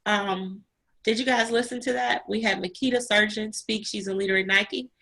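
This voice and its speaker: A woman's voice: medium pitch, fairly even intonation, normal speed, vocal fry, bright, forceful tone, poor audio. A woman hosting an online panel interview over a video call, effusive and emotional as she encourages her young guests. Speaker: host.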